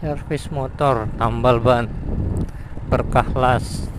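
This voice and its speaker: A man's voice: medium pitch, fairly even intonation, slow. A man giving casual commentary while riding a motorcycle, thinking aloud and reading roadside signs as he passes. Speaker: motovlogger. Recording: outdoor wind and engine noise. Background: motorcycle engine and traffic.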